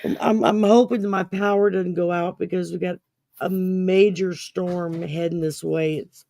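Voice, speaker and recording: Gravelly-voiced chatty woman. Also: fairly low pitch, dark tone. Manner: chatty, explains readily, repeats words. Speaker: co-host. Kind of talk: casual chat.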